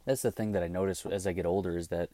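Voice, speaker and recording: A man in his thirties talks fast in a low-pitched, mellow voice with a steady tone and no room sound. As host of his own podcast, he delivers a casual monologue that turns into a blunt rant full of swearing.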